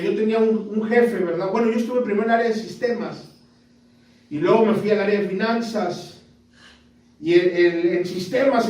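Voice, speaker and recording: A male pastor with a northern Mexican accent, telling a story in a sermon, going from hushed to shouting. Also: high voice. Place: large echoey church hall. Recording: echoey church hall, far from mic.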